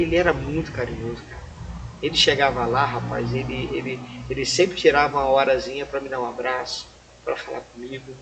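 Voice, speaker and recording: A Brazilian man, an evangelist, telling his testimony in casual chat as a lively storyteller who keeps saying "rapaz" and acts out the dialogue. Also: mid-range voice. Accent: Brazilian Portuguese. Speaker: evangelist guest on a church podcast. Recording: clear background noise.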